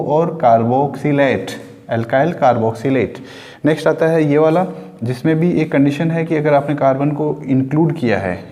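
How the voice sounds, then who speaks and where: A man's voice: a little high, mellow. Indian man teaching chemistry in a long reverberant hall. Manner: explains step by step, asks questions then answers them; mixes English terms into Hindi speech. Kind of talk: classroom lecture.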